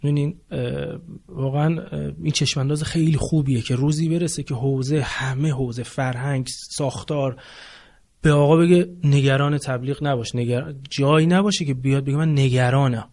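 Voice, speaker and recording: Measured male podcast host. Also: medium pitch, steady tone, gravelly, a little mellow. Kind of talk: podcast conversation and outro.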